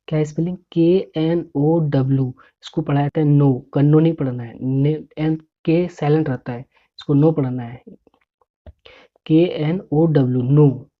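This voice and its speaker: A woman teaching English words, spelling each one out letter by letter and repeating its meaning in a slow drill. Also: low-pitched. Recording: dull lo-fi recording.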